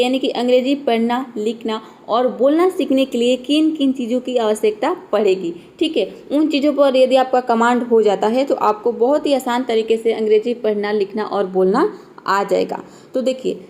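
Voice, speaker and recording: A woman's voice: fairly high pitch, darkish tone. A young woman, patiently explaining English words to viewers in a recorded lesson, spelling them out and repeating herself often. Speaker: English teacher.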